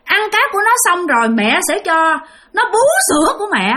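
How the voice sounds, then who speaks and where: A woman voicing a shrill, menacing ghost mother. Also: very animated, brisk, heavily acted. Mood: scheming. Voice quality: shrill, piercing. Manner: shouting threats.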